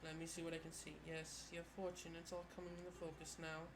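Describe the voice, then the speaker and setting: A theatrical fortune teller from a video game, acted out by a player, speaks with creepy self-assurance. The delivery is mystical and portentous, at a medium pitch, over clearly audible noise. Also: completely flat delivery, fast talker, close to an everyday voice.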